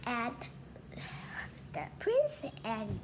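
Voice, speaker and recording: A woman retelling a fairy tale in halting, simple phrasing, often restarting her sentences. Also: fairly high pitch, huge pitch swings, noisy background. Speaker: storyteller.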